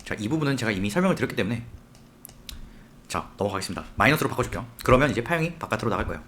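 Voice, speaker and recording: Lively male tutorial instructor. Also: mid-range voice, rapid-fire, a little hiss or hum. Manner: explains step by step, asks the viewer questions. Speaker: software instructor. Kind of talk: screen-recorded tutorial.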